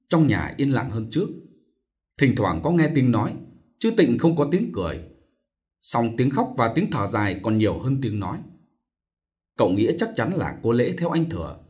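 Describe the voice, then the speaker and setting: A man reading a novel aloud as an audiobook narrator, in expressive, measured storytelling. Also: medium pitch.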